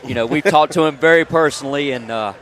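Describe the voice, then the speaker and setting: On a live radio broadcast, a man offers casual, folksy pregame basketball color commentary, chatty and sprinkled with "man". He talks fast in a fairly high, fairly bright voice. Noisy gym ambience sits behind the broadcast.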